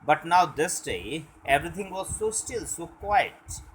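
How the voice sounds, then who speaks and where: A young man teaching, reading a story aloud and then explaining it line by line, with halting explanations full of fillers. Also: a little high, sing-song, a little hiss or hum, poor audio.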